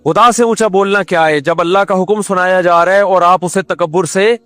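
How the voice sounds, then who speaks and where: A man with a Pakistani Urdu accent preaching an Islamic sermon, lively, with many rhetorical questions and Quranic Arabic recitation. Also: high voice, no echo, soft background music. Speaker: Islamic scholar giving a sermon.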